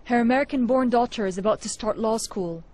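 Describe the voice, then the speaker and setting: A woman reporter reading a scripted news narration in a measured, clear delivery. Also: a little high, a little mellow.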